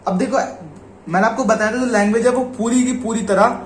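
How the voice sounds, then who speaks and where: A man with an Indian Hindi accent, teaching a shorthand lesson in a casual, patient way and repeating example words slowly. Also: very high-pitched, fairly even intonation, a little hiss or hum.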